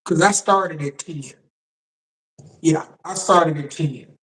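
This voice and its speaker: A man hosting a live political news stream as a shock jock, talking casually to viewers in a halting way and repeating words. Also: a little high, a bit bright. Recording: roomy echo, distant microphone.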